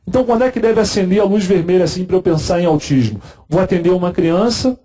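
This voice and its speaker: A man's voice: on the high side, mellow. A man giving a conversational medical lecture, explaining with everyday examples.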